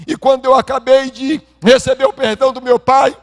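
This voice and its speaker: A pastor telling a personal testimony in a sermon, emotional and speaking to the congregation. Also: male voice, very high-pitched, little pitch movement, fairly quick, vocal fry. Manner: emotional storytelling, addresses congregation.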